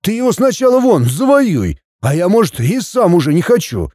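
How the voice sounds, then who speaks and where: A man's voice: medium pitch, big pitch swings, moderate pace, mellow, dry recording, clean studio sound. A man reading a storybook and voicing a sulky, stubborn young prince who grumbles and barks back at his father. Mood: defiant. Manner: grumbling, then barking back.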